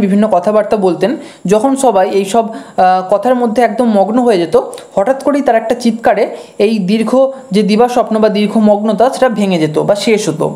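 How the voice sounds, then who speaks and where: A woman teacher giving a line-by-line lesson on a text. She reads each English line slowly, then glosses it quickly and patiently in Bengali. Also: on the high side, dark tone. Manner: patient, explanatory.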